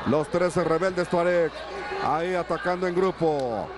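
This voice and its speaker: High-pitched man calling wrestling, noisy arena. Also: measured pace. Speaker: wrestling commentator. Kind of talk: play-by-play sports commentary.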